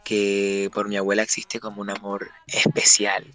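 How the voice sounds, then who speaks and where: A man's voice: fairly low pitch, completely flat delivery, normal speed, bright, forceful tone. A man from Colombia answering radio interview questions about his songs, telling stories reflectively with frequent restarts. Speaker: musician guest.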